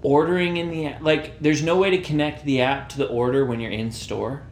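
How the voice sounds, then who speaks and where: A man's voice: on the high side, fairly quick, reverberant, slight background noise. A man co-hosting a casual podcast chat, ranting and acting out reactions. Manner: animated, acts out reactions. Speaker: podcast co-host.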